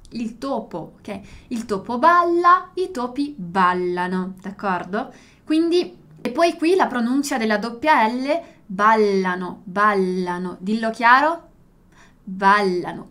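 Woman, language teacher, a bit high-pitched, slow careful model words. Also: fairly bright tone. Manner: switches between Portuguese and Italian, repeats words slowly to model pronunciation. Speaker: Italian teacher. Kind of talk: language lesson explaining proverbs.

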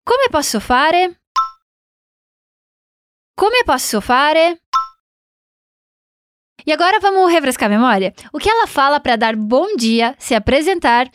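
A woman with a high voice teaching a recorded language lesson. She encourages the learner and slows down to model each sound for repetition. The recording is close and dry. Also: animated, dry recording. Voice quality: encouraging, models pronunciation slowly.

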